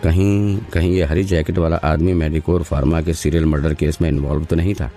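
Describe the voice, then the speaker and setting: Very deep, dark-voiced male narrator. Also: fairly quick, soft background music. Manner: steady, storytelling. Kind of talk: scripted audio story narration.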